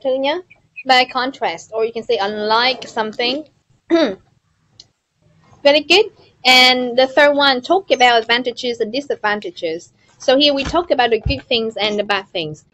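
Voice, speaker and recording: Her voice fairly high and somewhat bright, a Vietnamese-accented woman teaches English online, naming students to call on them and walking through phrases. The call audio is dull, lo-fi and dry.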